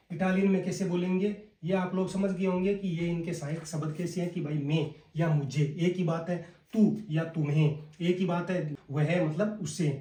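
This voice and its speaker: A man with a Hindi accent teaching a casual spoken lesson, drilling words slowly one by one and calling his viewers brother. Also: sits high, warm tone. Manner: slow and repetitive, drilling words one by one, addresses viewers as "bhai". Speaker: language teacher. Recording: echoey room, voice a bit far from the mic.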